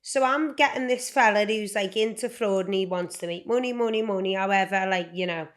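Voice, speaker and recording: A woman's voice: medium pitch, brisk. A woman co-hosting a podcast, reacting bluntly and casually to her friend's story, often swearing. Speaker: podcast co-host listening.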